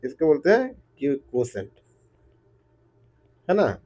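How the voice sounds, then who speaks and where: Man, slightly high voice, slow repetitive math tutor with rhetorical questions. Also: wildly swooping pitch, warm tone, breathy edge. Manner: switches between Hindi and English terms. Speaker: math teacher. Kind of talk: explaining math problems step by step.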